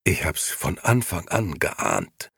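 A fearful old road sweeper, husky and breathless, as a man puts him on. He gasps out his words slowly, the voice jumping well above its low base. The sound is close and dry. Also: big pitch swings, a bit bright, no room sound, exaggerated voice. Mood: anxious. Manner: breathless, gasping.

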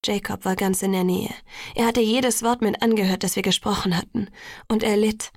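Brief: woman narrator, gravelly texture, dry close studio sound, measured audiobook read. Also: medium pitch, steady tone, darkish tone, dry recording. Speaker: audiobook reader. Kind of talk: first-person audiobook narration.

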